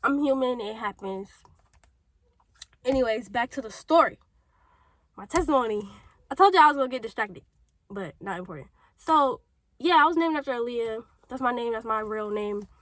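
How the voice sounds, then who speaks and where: In a rambling vlog, a young St. Louis woman with the local accent recounts her personal experiences, chatty and packed with fillers, a bit congested from a cold. Her fairly high, slightly bright voice is expressive, moving at normal speed with frequent pauses. It's a dry, rough recording.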